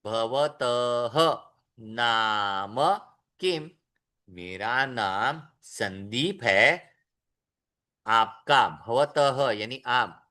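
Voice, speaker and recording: A man leads an online language lesson with slow, unhurried delivery. His voice is bright and pushed forward as he drags out sounds to model their pronunciation. He drops English phrases in as he talks, and the sound comes through a video call. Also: medium pitch. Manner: slow, drawn-out demonstration of pronunciation. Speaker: Sanskrit teacher.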